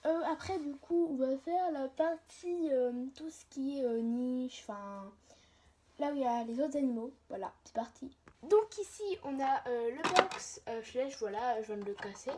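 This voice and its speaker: A woman's voice: high voice, moderate pace, dark tone. A young woman chatting casually and hesitantly in a homemade vlog, often interrupting herself, with colloquial, mildly sweary wording, recorded on a phone. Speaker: hobby video creator. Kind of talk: casual vlog, rambling chat while showing a toy collection. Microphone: phone on a tripod or handheld. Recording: phone recording with clear background noise.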